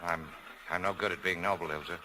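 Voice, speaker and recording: In a 1940s radio drama, a male actor with a low, fairly even voice plays a cynical yet self-sacrificing American nightclub owner. His delivery is clipped, tough and terse, fairly quick, pushed and bright. The mood is resolute but restrained.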